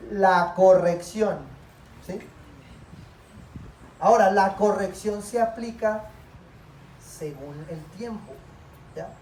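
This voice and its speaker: A man's voice: sits high, darkish tone. A man preaching a sermon as pastor, asking the congregation questions and answering them himself. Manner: call-and-response questions to the congregation. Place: church hall. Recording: echoey hall, voice from far off.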